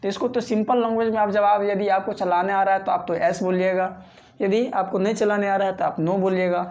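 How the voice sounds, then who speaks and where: A man's voice: sits high, steady tone, darkish tone, muffled recording. Man drilling English phrases. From Bihar, India. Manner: repetitive drilling, reads example sentences slowly; keeps addressing viewers as friends. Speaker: spoken English teacher. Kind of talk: spoken English lesson.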